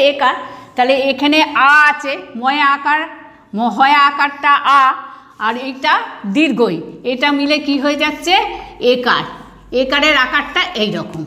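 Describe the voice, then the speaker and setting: Bangladeshi teacher lady, high voice, asks then answers herself, echoey room. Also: bright, forceful tone. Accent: Bangladeshi Bengali. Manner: asks questions and answers them herself, repeating each rule. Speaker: primary school teacher. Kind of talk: online grammar lesson.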